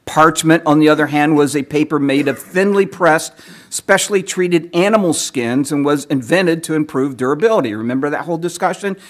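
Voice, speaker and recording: A man giving a teaching sermon, lecturing in a measured way, clearing his throat often as he is losing his voice. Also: on the high side. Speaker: preacher.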